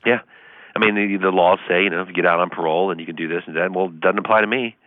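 Fast-talking deep-voiced man on a phone line. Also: steady tone, no room sound. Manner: fast, earnest, many fillers. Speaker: law professor, guest. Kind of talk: interview answers over the phone.

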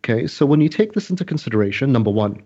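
A man's voice: mid-range voice, expressive, very fast, warm tone, breathy edge. Emphatic man, dull audio. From Trinidad. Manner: earnest, emphatic, lecturing, repeats points. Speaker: scientist guest. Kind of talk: interview explanation.

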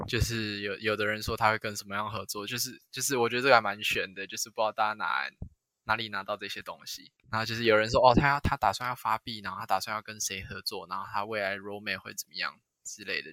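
A man's voice: lowish voice, sharp tone, dry recording. A man with a Taiwanese accent chatting casually as a podcast host. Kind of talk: casual chat.

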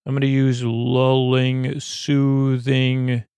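A man hosting a sleep podcast, talking slowly in a meandering, self-interrupting bedtime monologue with a creaky voice. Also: medium pitch, monotone, mellow, no room sound. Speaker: podcast host.

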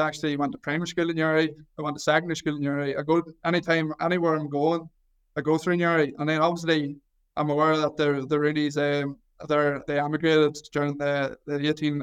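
A man's voice: on the high side, fairly bright tone, smooth. A man in his twenties with a County Down, Northern Irish accent, giving a casual sports interview in a modest, hesitant way with repeated words. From County Down, Northern Ireland. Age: 20s. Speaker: Gaelic football goalkeeper trying out as American football kicker.

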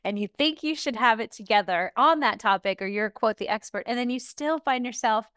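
A woman's voice: fairly high pitch, animated, fairly quick, clear, resonant tone, no echo, clean studio sound. A woman hosting a podcast, asking an author friendly questions and reading passages aloud. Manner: warm encouraging interviewer, reads excerpts aloud. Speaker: podcast host. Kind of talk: casual interview chat.

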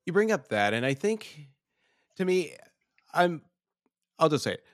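A man's voice: a little high, very animated, measured pace, no echo, studio quality. A man co-hosting a casual film review podcast, talking in a discursive way that builds gradually to his opinions. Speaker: podcast co-host.

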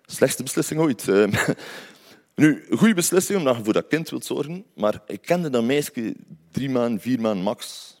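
A man's voice: medium pitch, animated, moderate pace, darkish tone. Flemish man telling his life story. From Belgium. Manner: conversational, often adds tag questions. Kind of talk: personal storytelling.

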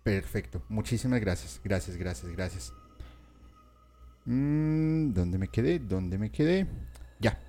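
A man hosts a live-streamed mystery commentary and keeps turning to his viewers. His voice sits a little low and sounds warm and mellow. Faint music plays softly behind him. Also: lively intonation, takes it slowly, pauses often. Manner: chatty, addresses viewers directly.

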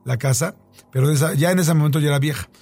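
Animated Mexican man telling a story. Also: a little high, fast, no echo, faint music behind. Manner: animated storyteller, fillers and repeats. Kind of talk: casual storytelling chat.

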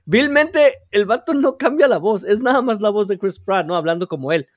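Podcast host, a man, high-pitched, laughs a lot and keeps the segments moving, dry mic. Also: animated, moderate pace, no room sound. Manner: laughs often, pushes the talk along. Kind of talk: casual chat.

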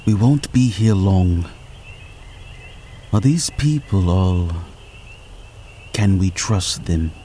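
A man's voice: deep voice, expressive, extremely slow, long pauses, warm tone, slight background noise, full character voice. A man playing a fussy, formal night escapee. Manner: formal, precise. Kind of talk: audio drama acting.

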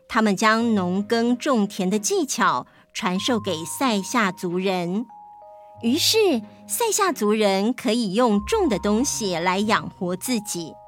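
A woman with a Taiwanese Mandarin accent narrating a folk tale as host, gentle and measured. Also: medium pitch, animated, faint music behind. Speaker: storyteller host. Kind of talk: scripted narration.

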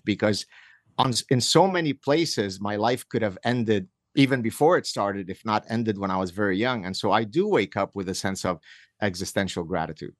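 Middle-aged male guest from Lebanon, low voice, wry storyteller, dry close mic. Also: dry recording. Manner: earnest, wry storyteller with frequent restarts. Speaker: author and guest. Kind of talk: conversational storytelling.

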